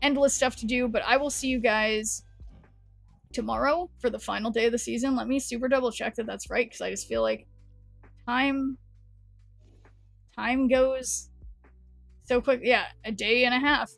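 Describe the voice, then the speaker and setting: A woman's voice: fairly high pitch, fairly even intonation, normal speed, gravelly, long pauses, no room sound, faint music behind. A woman chatting casually on a live game stream, rambling and answering chat, her voice worn from talking. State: losing her voice.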